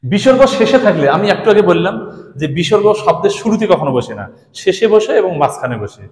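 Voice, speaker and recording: A man's voice: sits high, big pitch swings, fast, a little mellow. A man teaching Sanskrit grammar in speech, patiently repeating examples and speaking directly to his students. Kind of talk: classroom grammar lesson. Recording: echoey room with long reverb.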